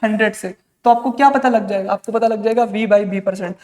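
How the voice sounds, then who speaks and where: A man's voice: sits high, a little fast, darkish tone. A male chemistry teacher giving an exam-prep lecture. He asks questions and answers them himself, calls the students "beta", and mixes English terms into his talk. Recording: long reverb, echoey room.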